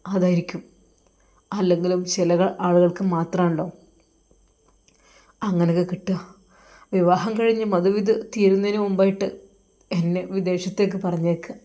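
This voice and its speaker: A woman's voice: lowish voice, little pitch movement, natural voice. Woman voicing a heartbroken young cleric. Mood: grieving. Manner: sorrowful, halting, soft-spoken.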